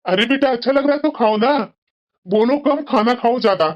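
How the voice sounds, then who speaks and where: Woman voicing a gentle anxious father-in-law, fretful, pleading, cartoon, dull lo-fi sound. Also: on the high side, moderate pace, noisy background, natural voice. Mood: coaxing. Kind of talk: cartoon voice acting. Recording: dull lo-fi recording.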